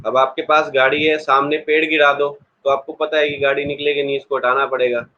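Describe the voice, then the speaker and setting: A man's voice: a little high, level tone, fairly quick, sharp tone, muffled recording. A man teaching an online exam-prep English class in a chatty way, explaining with everyday examples and talking straight to his students.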